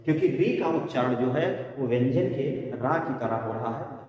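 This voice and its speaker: A man's voice: mid-range voice, animated, moderate pace, a little mellow, highs cut off. A male teacher giving a classroom lecture, asking questions and answering them himself, repeating key words in a sing-song way. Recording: echoey room from far off.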